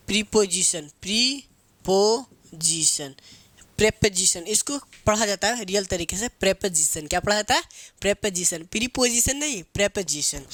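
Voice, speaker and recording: A man's voice: high-pitched, a bit bright, no room sound. A man teaching an English grammar lesson. He asks his own questions and answers them, repeats each term and spells words out letter by letter. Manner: calls students babu and beta. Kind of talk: spoken grammar lesson with drills.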